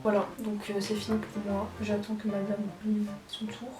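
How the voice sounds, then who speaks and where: A woman's voice: mid-range voice, monotone, normal speed. A young woman bantering casually while doing her makeup, teasing and using slang. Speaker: vlogger. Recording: echoey room, distant mic, faint music.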